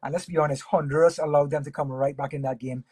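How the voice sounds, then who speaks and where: A man from Trinidad and Tobago, a sports broadcaster, talks easily as a guest, unhurried and amiable. His voice sits a bit high with a husky, breathy edge. The sound is dry and close. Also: dry recording. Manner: relaxed, friendly, with fillers and pauses. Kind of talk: casual interview chat.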